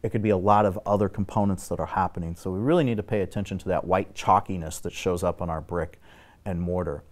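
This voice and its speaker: A man's voice: low-pitched, fast. Middle-aged man explaining building repair. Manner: steady, technical, instructive explaining. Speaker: exterior building expert guest. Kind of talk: explanatory talk show conversation. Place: talk show studio set.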